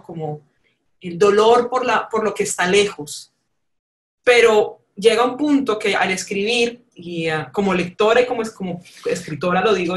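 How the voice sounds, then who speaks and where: A woman interviewer and writer speaks reflectively in a literary conversation. Her voice sits at an average pitch. The sound is noticeably roomy, with audible reflections around the words.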